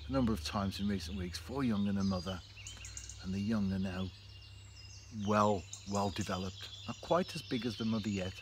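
A fishing vlogger with a lowish voice chats to the camera from a canal bank, relaxed and reflective as he narrates his outdoor session. The camera sits close in front of him. Birdsong and countryside ambience add faint outdoor noise.

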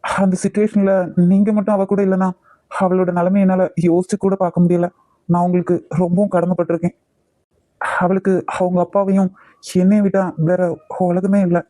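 A man's voice: high-pitched, flat delivery, brisk, mellow, no echo, natural voice. A man voicing an earnest young man in a cartoon, with a Kanyakumari Tamil accent. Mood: pleading. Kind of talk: cartoon voice acting.

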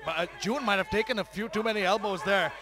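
A man doing live fight commentary, excitable and full of exclamations. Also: high voice, fast talker.

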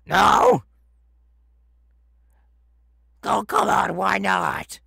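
A man playing a creepy, cocky clown pirate captain in an ASMR audio role-play, theatrical and touchy, with a raspy voice. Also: high-pitched, huge pitch swings, takes it slowly, bright, forceful tone, no room sound, studio quality. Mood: indignant, loud. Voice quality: raspy, gravelly.

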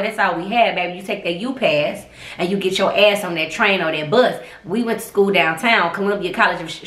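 Animated, profane woman telling a story. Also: medium pitch. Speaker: host. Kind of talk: casual storytelling monologue. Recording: roomy echo.

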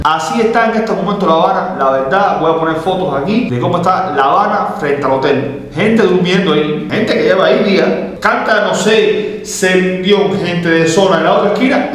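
Animated Cuban man, echoey room. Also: fairly high pitch. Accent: Cuban Spanish. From Cuba. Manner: animated, gesturing, mocking and emphatic. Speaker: host of a meme commentary channel. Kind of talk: casual commentary to camera. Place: small indoor room with neon lights.

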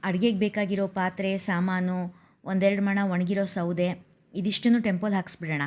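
A woman's voice: mid-range voice, little pitch movement, normal speed, darkish tone, lightly acted. A woman doing a responsible young husband. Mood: practical. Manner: practical, respectful. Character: young married man, responsible and practical.

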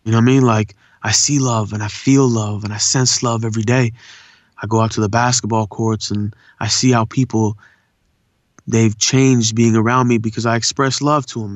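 The recording is muffled but echo-free, carrying a man's mid-range voice as he chats casually in an interview. Raised in Southern California after being born in India, he has an urban SoCal accent and comes across as a laid-back, earnest voice actor guest who keeps saying "man".

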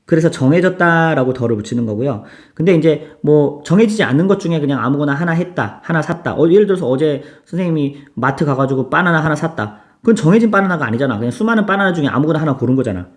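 This male grammar teacher talks quickly in a fairly high voice, barely pausing. His English lesson is casual and conversational, shifting from relaxed to polite phrasing as he gets students to say examples back.

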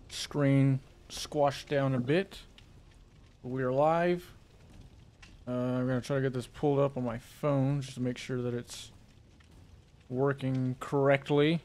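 A man hosting a casual gaming livestream, chatting with a friend and joking around while setting up. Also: mid-range voice. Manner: joking, self-deprecating banter. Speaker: streamer.

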